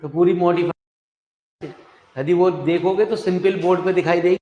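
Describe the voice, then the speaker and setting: Male maths lecturer, slightly high voice, chatty, echoey lo-fi classroom. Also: steady tone, unhurried. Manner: chatty, calls students "dear children", mixes English terms. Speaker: math teacher. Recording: echoey, dull classroom recording.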